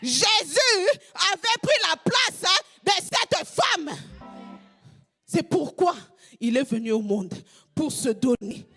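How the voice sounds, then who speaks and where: A woman pastor from Congo preaching a fervent sermon, repeating phrases in a half-sung shout. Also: high voice, lively intonation, slow, faint music behind.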